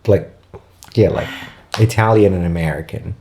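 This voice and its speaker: A man co-hosting a podcast, in a relaxed, casual film discussion with loose phrasing. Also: low-pitched, normal speed, a little hiss or hum. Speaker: podcast co-host.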